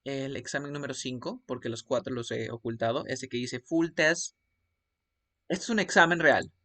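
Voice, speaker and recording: A man's voice: mid-range voice, normal speed, sharp tone. A man whose first language is Spanish, teaching an online English test-prep class over screen share, explaining step by step and often checking in with the student.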